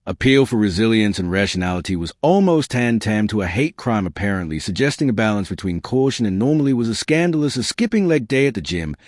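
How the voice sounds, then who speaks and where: Low, dry-recorded sardonic male narrator. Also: big pitch swings, quick pace, few pauses, no room sound. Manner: sardonic, mocking. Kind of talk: scripted commentary narration.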